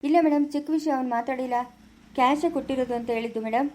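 A woman's voice: high voice, fairly even intonation, rapid-fire, darkish tone, lightly acted. A woman playing an obedient male constable who answers his superior politely. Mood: deferential. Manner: deferential, keeps saying madam.

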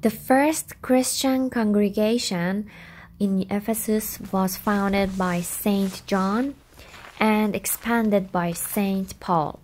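A woman from Iran gives an unhurried walking tour of ancient ruins. She talks in a chatty, curious way, measured and slow. She is recorded outdoors on a camera held at arm's length, with faint background noise. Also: medium pitch, fairly even intonation, a little mellow. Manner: chatty, curious, nonnative phrasing. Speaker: travel vlogger. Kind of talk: walking travel vlog tour.

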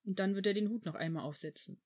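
A reader voicing an old male headmaster in a fan fiction audiobook, measured and calm, turning stern. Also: medium pitch, lightly acted. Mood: firm.

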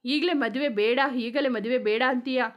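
A woman's voice: sits high, moderate pace, lo-fi sound, lightly acted. A woman voicing a middle-aged mother who teases and scolds her grown son in a spoken story. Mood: teasing. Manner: teasing, scolding.

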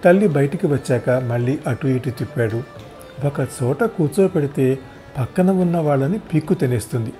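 A man reading a short story aloud in a steady narrating voice. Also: medium pitch, moderate pace, soft background music. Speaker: audiobook narrator.

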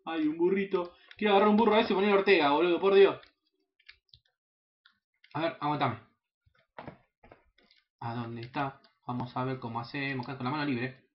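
A young man with a Rioplatense Spanish accent giving casual, excitable, profanity-laden commentary while playing a video game, sometimes breaking into high yelps. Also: moderate pace, long pauses, muffled recording. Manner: excitable, swears often, jumps into high yelps. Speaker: gaming channel host. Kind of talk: casual let's play commentary.

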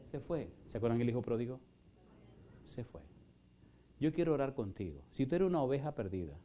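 A middle-aged man preaching a fervent sermon in a church. His voice is warm and mellow, at a mid pitch, and it swings from loud, questioning exhortation to a quiet, pleading call. He talks straight to the congregation. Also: slight background noise. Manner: impassioned, rhetorical questions, shifts from loud preaching to soft pleading. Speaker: pastor. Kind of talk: evangelistic sermon with altar call. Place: church in Houston, Texas.

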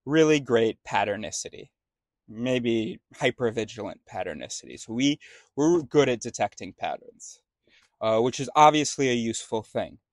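A man delivers a casual spoken monologue, rambling and often stopping to restart his sentences. He has a medium-pitched, expressive voice at a moderate pace, recorded at studio quality with no echo.

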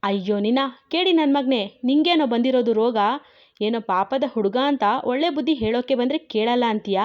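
A sharp-tongued young wife, voiced by a woman for an audio romance, scolding fast, lo-fi recording. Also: a little high, natural voice. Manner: quick, scolding chatter. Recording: dull lo-fi recording.

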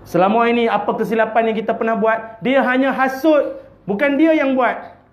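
High-voiced Malaysian preacher telling stories. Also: male voice, normal speed. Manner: humorous storytelling, acts out voices, laughs often. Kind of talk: evening religious lecture. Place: mosque prayer hall. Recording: echoey dull lo-fi hall recording.

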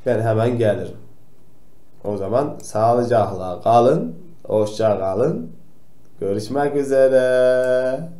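A man playing a kindly old grandpa doctor who gently tells noisy children to stay quiet, in a comic role-play for kids. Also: mid-range voice, takes it slowly, natural voice. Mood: gently scolding. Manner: gentle, admonishing, talks straight to the kids. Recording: roomy echo.

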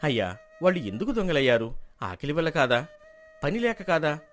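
An earnest young villager pleads his case with lively rises and falls in pitch, as a man acts him out. He argues quickly and firmly, like a hero in a storybook drama. Soft music plays underneath. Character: earnest young male villager, calm and persuasive.

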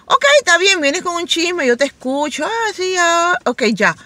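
Lively, bright-voiced middle-aged woman vlogger. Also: measured pace, dry recording. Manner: chatty and animated, with frequent laughs; acts out quoted voices in a high pitch. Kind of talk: casual storytelling to camera.

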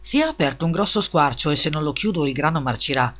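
A man's voice: on the high side, expressive, fast, natural voice. Man voicing a greedy, preachy fairy-tale miller. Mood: predicatorio. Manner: wheedling, preachy. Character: greedy, self-serving, smooth-talking male miller. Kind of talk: storybook reading. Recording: slightly dull lo-fi recording.

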